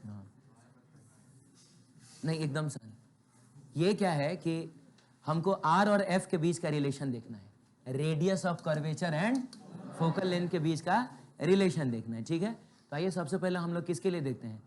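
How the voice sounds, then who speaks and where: A man teaching physics in a classroom, asking the students rhetorical questions and telling chatty ones to be quiet. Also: a little high, expressive, slow pace, pauses often, a little hiss or hum. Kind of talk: classroom lecture.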